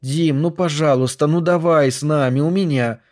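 A man's voice: a little high, normal speed, a little mellow, natural voice. A man voicing a young woman friend who talks in a coaxing, friendly way. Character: young woman, warm old friend, Masha.

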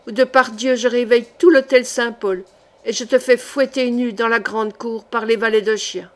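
A woman's voice: on the high side, a little slow, close to an everyday voice. Woman reading a cold, menacing queen. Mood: ferocious. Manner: calm, then icy and threatening. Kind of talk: audiobook character reading.

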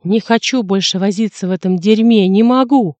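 A man voicing a grief-stricken male detective who shouts in despair and then apologizes quietly, in an audiobook reading. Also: high-pitched, steady tone, brisk, no room sound, natural voice. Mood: anguished.

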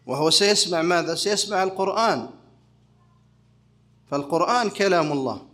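A sheikh delivering a religious lesson in a notably high male voice. He keeps his listeners involved by throwing out questions and answering them himself, building each point in a teaching rhythm. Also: lively intonation, brisk, fairly bright tone. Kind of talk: religious lecture.

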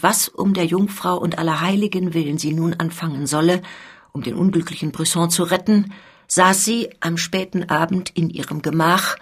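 A woman narrating a classic novella in a calm literary radio reading. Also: on the low side, breathy edge.

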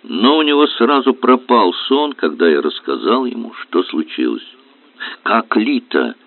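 A man reading a detective novel aloud in measured, even scripted narration. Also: mid-range voice, no echo. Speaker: audiobook reader. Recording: dry, tinny phone-like sound.

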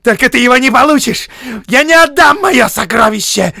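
A man reading an audiobook, voicing a fretful old male hobbit whose voice turns shrill and whining as he clings to his treasure. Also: expressive, moderate pace, creaky, bright, forceful tone, heavily acted. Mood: shrill, possessive. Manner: shrill, whining, sobbing outbursts. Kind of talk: audiobook character voice.

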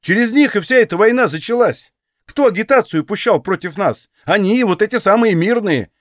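A man's voice: high voice, lively intonation, normal speed, no room sound, studio quality, pitched above the performer's own voice. A man reading as a stubborn, blunt young Cossack who answers in folksy rural speech. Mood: defiant.

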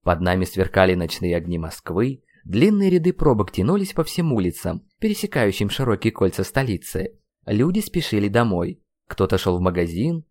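Man narrating an audiobook, lowish voice, really lively delivery. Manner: expressive first-person storytelling. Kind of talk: scripted narration.

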